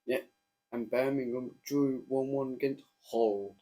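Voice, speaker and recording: A man's voice: medium pitch, steady tone, a little slow, dark tone. A man co-hosting a casual chat, giving short, eager replies. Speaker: co-host.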